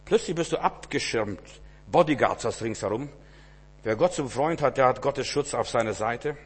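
A man preaching a sermon to his congregation, swinging between loud emphatic cries and low hushed asides, repeating words for emphasis. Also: lively intonation, moderate pace, breathy edge, in a large hall.

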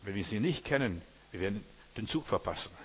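A man's voice: lowish voice, expressive, brisk, husky. A man preaching a sermon in earnest German-language style, addressing his listeners directly as brothers and sisters.

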